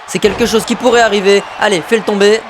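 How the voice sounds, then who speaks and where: Male gamer, high voice, excitable play-by-play, shouts at big moves, mutters asides. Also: fast, slight background noise. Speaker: gamer commentating his own wrestling video game match.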